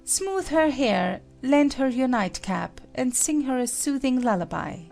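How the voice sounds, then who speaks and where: A woman's voice: high voice, sing-song, a little slow, vocal fry, darkish tone, faint music behind, heavily acted. A woman voicing a bossy, condescending storybook queen in a commanding, patronising manner. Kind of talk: dramatized audiobook character acting.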